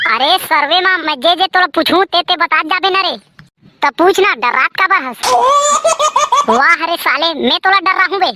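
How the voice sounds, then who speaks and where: Cartoon comedy, Chhattisgarhi accent, squabbling village characters voiced by one performer, extremely high pitch, noisy audio. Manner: squabbling, slangy, teasing. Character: squeaky bickering village cartoon folk. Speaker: voice of cartoon census takers and villagers. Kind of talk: comic cartoon dialogue.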